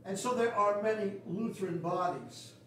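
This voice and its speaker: A man's voice: sits high, normal speed, a bit bright, a little hiss or hum. An older man preaching a sermon as pastor, blunt, folksy and sarcastic. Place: small wooden church sanctuary. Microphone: far camera at the back of the pews. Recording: echoey church from far off.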